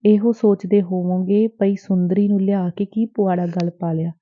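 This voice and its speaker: A woman's voice: mid-range voice, level tone, normal speed, no room sound, natural voice. A woman voicing an innocent young village girl who asks wondering questions in a raised voice, read for an audiobook. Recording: dry, tinny phone-like sound.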